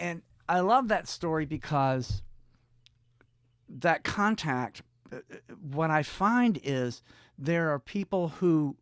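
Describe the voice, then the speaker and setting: An older Southern man from Georgia in the Deep South speaks with a fairly high pitch, recorded dry and clean in a studio. He's a professional storyteller appearing as an interview guest, casually spinning anecdotes in fits and starts and acting out snippets of dialogue.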